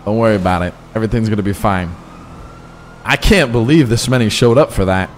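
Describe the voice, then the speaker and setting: A man's voice: fairly low pitch, a little fast, slight background noise. A man role-playing a crew boss in a live game stream, bossy and joking, giving his crew pep talks.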